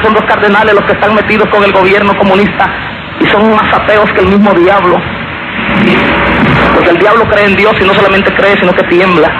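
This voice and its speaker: A man from Guatemala with a Guatemalan accent, giving an earnest testimony sermon and calling his listeners brothers. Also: high voice. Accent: Guatemalan Spanish. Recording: muffled lo-fi recording with loud background noise.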